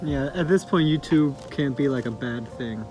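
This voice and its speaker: A man's voice: mid-range voice, normal speed. A man co-hosting a vlog, talking casually in informal, conversational phrasing. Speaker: vlog co-host. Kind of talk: casual couple vlog chat. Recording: music behind speech.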